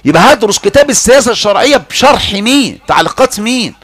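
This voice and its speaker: A man with an Egyptian accent giving a heated religious lecture, mocking and animated, swinging between loud outbursts and hushed asides. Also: high-pitched, quick pace, slightly rough. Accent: Egyptian Arabic.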